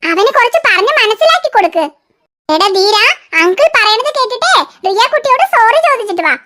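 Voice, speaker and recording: A woman doing a sharp, scolding cartoon mother. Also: extremely high pitch, sing-song, full character voice. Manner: scolding, quick, threatening. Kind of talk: cartoon voice acting.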